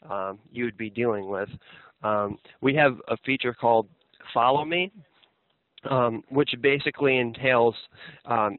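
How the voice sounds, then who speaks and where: A man working as a telemarketer gives a hesitant, rambling sales pitch full of fillers, often checking for agreement with short tag questions. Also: no echo. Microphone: telephone. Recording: narrow, tinny phone line.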